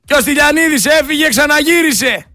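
A man's voice: very high voice, expressive, sharp tone, no room sound, clean studio sound, faint music behind. A man hosting a radio show, giving angry, sarcastic political commentary and talking straight to his listeners. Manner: indignant, sarcastic, addresses listeners as friends. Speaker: radio host.

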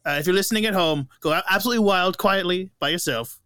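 A man's voice: sits high, fast talker, sharp tone, no room sound, clean studio sound. A man playing a chummy, grandiose immortal wizard who hosts a comedy podcast in theatrical horror-host style. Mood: gushing showmanship. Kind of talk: improvised in-character comedy podcast.

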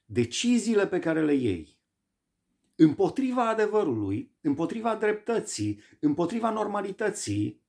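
A man's voice: high-pitched, sing-song, creaky, a little mellow. A man preaching a sermon, emphatic and repeating phrases for stress.

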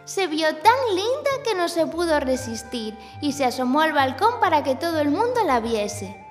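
High lively storyteller woman. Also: moderate pace. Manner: gentle, expressive. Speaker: children's storyteller. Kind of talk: scripted storybook narration. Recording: long hall reverb, faint music.

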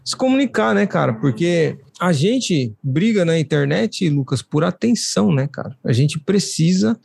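A man's voice: fairly high pitch, expressive, moderate pace, vocal fry, darkish tone. A Brazilian man hosting a podcast, talking in a casual, conversational way with many fillers. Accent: Brazilian Portuguese. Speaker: podcast host.

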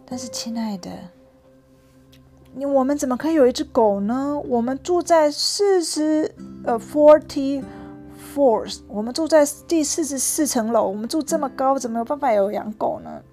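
Brief: woman doing a tender storybook mom, soft and unhurried, a touch high. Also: faint music behind, lightly acted. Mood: gentle. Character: gentle patient mother speaking softly to her child.

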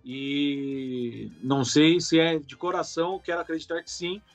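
A Brazilian man, comedian and TV writer, chatting casually as a guest with relaxed slang and casual swearing. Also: fairly high pitch, a little slow, soft background music. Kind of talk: casual interview chat.

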